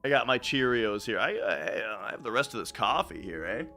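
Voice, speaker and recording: A man's voice: medium pitch, expressive, normal speed, gravelly, bright, forceful tone, soft background music. A man live streaming from a home setup, chatting casually while gaming, rambling with lots of fillers and restarts into a studio mic. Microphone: studio mic through a desk mixer.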